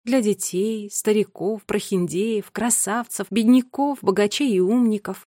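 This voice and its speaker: A woman reads a storybook aloud in a measured, expressive way. Her voice sits at an ordinary middle pitch. The recording is dry and close, with no room sound. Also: no room sound. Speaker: audiobook narrator. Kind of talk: scripted storybook narration.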